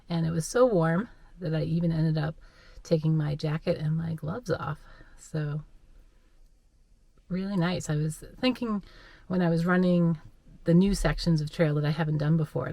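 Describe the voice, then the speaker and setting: A woman's voice: low-pitched, normal speed, warm tone, no room sound. A woman chatting casually and musing aloud as she records a running vlog outdoors on park trails. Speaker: vlogger and recreational runner. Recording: clear outdoor background noise.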